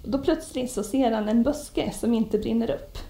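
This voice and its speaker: A woman preaching a sermon in a conversational storytelling way, often pausing with hesitations. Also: fairly high pitch, mellow. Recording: echoey room.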